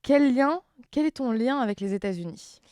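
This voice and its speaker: A woman hosting a podcast and asking a guest a run of friendly, brisk questions. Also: fairly high pitch, expressive, a little mellow, no echo, clean studio sound. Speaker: podcast host. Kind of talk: interview hosting.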